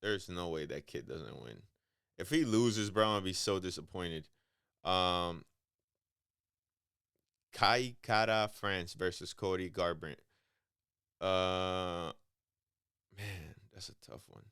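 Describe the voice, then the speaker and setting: Deep-voiced man rambling on a podcast. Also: slow pace, creaky, long pauses, a bit bright, clear, resonant tone, no room sound, clean studio sound. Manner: profane, rambling, calls listeners bro; loose, hesitant delivery with many ums. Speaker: podcast host. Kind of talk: casual podcast monologue.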